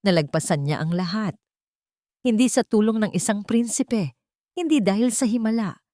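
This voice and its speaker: A Filipino woman tells a dramatic love story as a storyteller, measured and sentimental in delivery. Her voice is fairly low for a woman and a little mellow, recorded dry and close with no echo.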